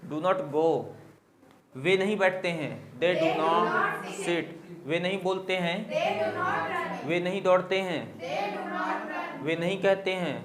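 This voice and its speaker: A man's voice: sits high, steady tone, a loud crowd. A man teaching an English grammar lesson to a class, drilling sentences one by one and often checking in with "okay". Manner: drills sentences slowly, repeating "ठीक है". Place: classroom with students. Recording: echoey classroom with loud students.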